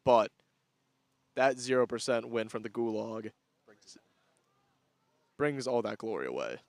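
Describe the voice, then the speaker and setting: Young male color commentator, casual and joking, smooth voice, dry mic. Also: medium pitch, big pitch swings, unhurried, no echo.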